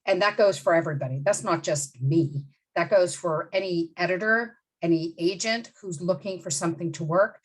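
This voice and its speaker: A woman's voice: on the low side, moderate pace, few pauses, low-quality recording. Direct, emphatic woman in her fifties. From Bahamas. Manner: direct and emphatic, with many asides and restarts. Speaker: literary agent, guest. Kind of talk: interview answers.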